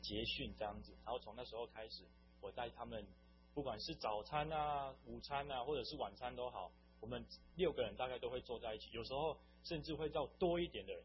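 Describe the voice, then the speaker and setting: A young man giving an earnest, meandering personal faith testimony. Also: mid-range voice. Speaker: testimony speaker. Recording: dull lo-fi recording with faint hum.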